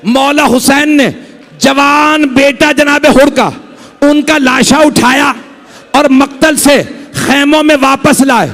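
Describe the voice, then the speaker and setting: A man's voice: extremely high pitch, steady tone, a bit bright. A man with a Pakistani Urdu accent preaching a mourning sermon in a mosque hall, reciting the tale with dramatic lamenting delivery and voicing its figures.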